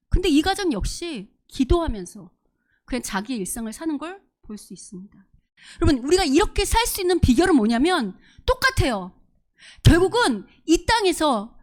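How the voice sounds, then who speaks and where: A woman pastor preaching a sermon in a church service, earnest and full of rhetorical questions to the congregation. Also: high voice. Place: church service, streamed online.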